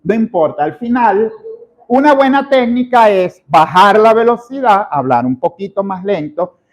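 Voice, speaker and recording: A man teaching a public speaking class, lecturing in a lively way and changing his volume for emphasis. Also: high-pitched, measured pace. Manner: animated, imitates filler words, shifts volume for emphasis.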